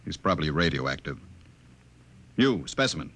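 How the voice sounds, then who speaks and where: An actor playing a haughty, domineering official in a 1950s radio drama, imperious, pompous and stiff. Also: male voice, very deep voice, very animated, moderate pace, fairly bright tone, exaggerated voice. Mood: disdainful. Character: haughty, domineering man, director of emotional control.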